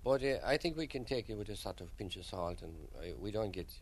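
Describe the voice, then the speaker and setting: Man, Kerry Irish accent, low voice, local guide, storytelling manner, interview. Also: lively intonation, fairly quick. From County Kerry, Ireland. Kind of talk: interview answers with anecdotes.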